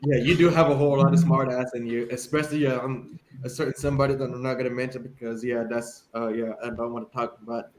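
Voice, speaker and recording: A man's voice: mid-range voice, steady tone, fast talker. A man in a casual group video chat, telling rambling stories full of swearing. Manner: rambling, profane storytelling. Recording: roomy sound with faint noise.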